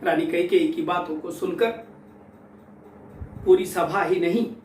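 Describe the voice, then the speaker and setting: A man's voice: high-pitched, fairly even intonation, a little slow, darkish tone, reverberant, far from the mic, a little hiss or hum. A man teaching a Hindi poem, explaining each line and repeating phrases with many synonyms, with dramatic stress on the quoted verses. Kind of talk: explaining a poem in a class lesson.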